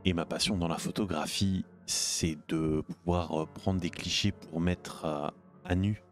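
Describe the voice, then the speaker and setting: A man playing a tabletop game over a video call, speaking in a calm, measured way. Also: low-pitched, soft background music. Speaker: player. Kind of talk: tabletop game role-play. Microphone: headset on a video call.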